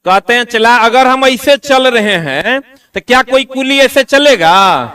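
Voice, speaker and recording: A high, bright and clear male voice, speaking slowly and heard from a little distance in a classroom. He lectures exam students in a teasing, scolding manner, full of slang. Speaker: exam coaching teacher.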